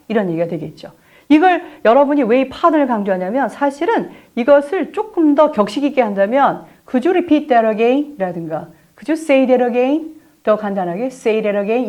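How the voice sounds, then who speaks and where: A middle-aged woman teaching English conversation to seniors. She draws out the English model phrases very slowly for the class to repeat, and her voice drops low at the ends of sentences. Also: muffled recording. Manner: slow, drawn-out English model phrases for repetition.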